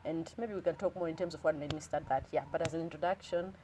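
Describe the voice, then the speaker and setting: Fast-talking Malawian woman, earnest guest. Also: deep voice, fairly even intonation, mellow, slight background noise. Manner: earnest and reflective, switches languages mid-sentence. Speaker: interview guest. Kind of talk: casual interview conversation.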